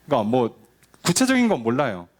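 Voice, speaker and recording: A man's voice: mid-range voice, huge pitch swings, fairly quick. A male pastor giving a conversational sermon, often asking the congregation rhetorical questions and acting out quoted lines.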